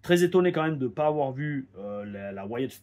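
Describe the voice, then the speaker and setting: A man and former pro wrestler, chatting casually in an animated storytelling way as he reviews a show, often repeating words as he goes. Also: mid-range voice, fairly quick. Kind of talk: casual anecdotal monologue.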